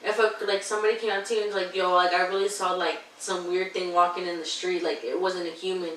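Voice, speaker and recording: A woman's voice: lowish voice, flat delivery, fast talker, fairly bright tone, slight background noise. A young woman hosting a casual podcast with her cousins, chatty and full of fillers. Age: young adult. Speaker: podcast host. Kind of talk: casual chat. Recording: echoey room, distant mic.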